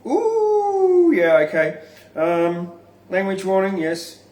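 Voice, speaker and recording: A man with a high voice, huge pitch swings, and a slow, slightly mellow delivery hosts a podcast and performs his own poetry. Recorded from a distance in a roomy, echoing space, he tosses in casual asides and is informal, blunt, and swears freely.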